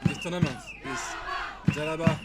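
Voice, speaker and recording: A man adding color commentary in halting phrases, often stopping to correct himself. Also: on the high side, very animated. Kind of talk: live sports commentary. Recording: live broadcast, heavy music and crowd noise, off-mic.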